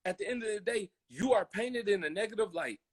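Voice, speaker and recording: This podcast co-host is an American man whose voice sits high and sounds slightly rough, animated and a little fast. On the casual, passionate show he hammers points home, says things twice and performs made-up quotes. A military upbringing took him through Germany, Colorado and Hawaii.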